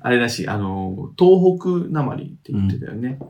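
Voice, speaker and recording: A man's voice: medium pitch, sing-song, moderate pace, highs cut off. A man co-hosting a casual podcast, chatting and laughing easily, sometimes reading listener letters aloud. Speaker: podcast co-host. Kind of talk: casual chat.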